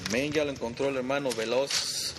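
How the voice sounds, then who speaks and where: A man's voice: medium pitch, fairly even intonation, brisk. A man teaching a Bible study in a conversational way, quizzing his group and calling them brother, in a church meeting hall. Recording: long reverb, faint background noise.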